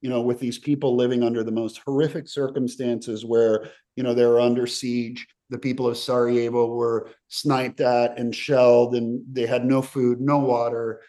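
A film director from the former Yugoslavia answers interview questions. He speaks in an ordinary male pitch, earnest and reflective, letting his thoughts run on at length. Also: flat delivery, normal speed, few pauses, dark tone.

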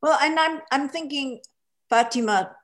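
A woman's voice: sits high, measured pace. A woman hosting a radio interview, asking questions in a thoughtful, searching way.

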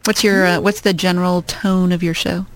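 A co-host in their forties asks questions on a relaxed radio show. The voice sits at a middle pitch and sounds dry and close, and the delivery is playful and quick to laugh. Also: no room sound. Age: 40s. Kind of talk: casual radio interview chat.

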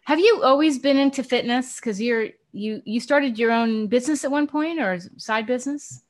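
A woman's voice: a little high, normal speed. A woman hosting a radio show, talking conversationally as she interviews a guest.

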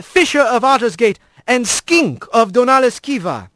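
A man's voice: extremely high pitch, animated, normal speed, fairly bright tone, dry recording, studio quality, voice pushed up. A man voicing a formal male squirrel priest who speaks with inverted, stately word order. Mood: ceremonious.

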